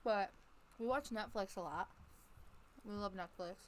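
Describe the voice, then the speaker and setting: A woman's voice: medium pitch, a little slow, a little hiss or hum. A young woman vlogging in a casual chat, laughing often. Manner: giggly, chatty, laughs often.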